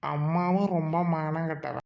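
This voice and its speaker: Cheeky young sister-in-law, woman acting, lowish voice, eager, jumps into the talk. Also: steady tone, moderate pace, gravelly, dull audio.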